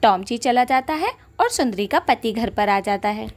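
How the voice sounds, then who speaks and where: A woman narrates a cartoon story in an even, steady storybook manner. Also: fairly high pitch, normal speed.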